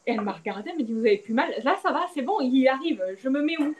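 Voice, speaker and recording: A young woman, a podcast guest, candidly recounting a personal story and acting out the quoted dialogue with lively swings in her voice. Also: racing, a little hiss or hum, poor audio. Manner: animated, acts out quoted dialogue with big pitch swings. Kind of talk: candid storytelling about childbirth.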